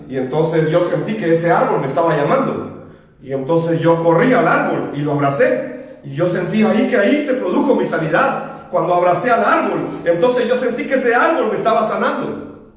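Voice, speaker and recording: High-voiced Guatemalan pastor in echoey room. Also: male voice, far from the mic. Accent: Guatemalan Spanish. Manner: storytelling with many pauses and fillers. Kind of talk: sermon.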